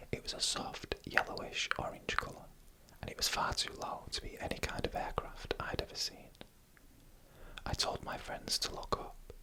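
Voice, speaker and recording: The recording is rough, and the narrator reads a scripted tale in a breathy ASMR whisper. The delivery unfolds in slow, careful phrases separated by short pauses.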